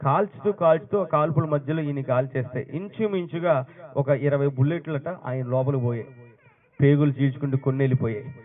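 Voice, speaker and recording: A man preaching a sermon as pastor, throwing questions to the congregation and rising to loud, emphatic bursts. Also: medium pitch, brisk. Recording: tinny phone-like sound.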